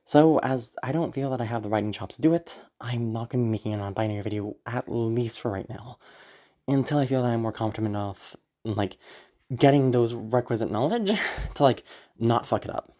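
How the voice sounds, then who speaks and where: Sick and congested, the audio roleplay creator speaks a little fast in a warm, medium-pitched voice. They ramble informally to viewers, sounding anxious and apologetic, giggling, and letting a few swear words slip.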